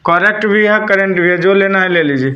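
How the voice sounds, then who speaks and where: A man's voice: high voice, a little fast, sharp tone, lo-fi sound. A man teaching a classroom lesson. He spells words out letter by letter and keeps asking the students questions. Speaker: English teacher. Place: classroom with a board.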